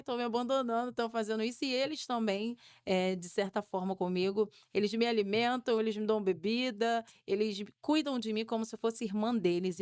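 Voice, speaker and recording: A young woman with a fairly high voice tells backstage stories as a guest on a podcast, jumping into the voices of the people she quotes. The sound is close and dry, with no room echo. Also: clean tone. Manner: animated storyteller, acts out quoted voices. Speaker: samba school muse, podcast guest. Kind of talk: storytelling interview chat.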